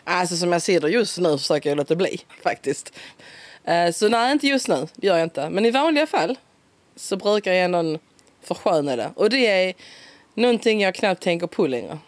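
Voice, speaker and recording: A woman with a broad Scanian accent chatting in a relaxed interview, talkative and quick to laugh. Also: on the low side, no echo. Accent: broad Scanian Swedish. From Skåne, southern Sweden. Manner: chatty, laughs often, lively. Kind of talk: casual conversational interview.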